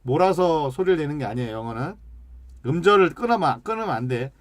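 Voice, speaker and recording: A man with a fairly high voice and lively intonation gives an English lecture with slide examples, slowly stretching out sounds and syllables as he demonstrates. He asks the class questions and then answers them himself, and there is no echo on the recording.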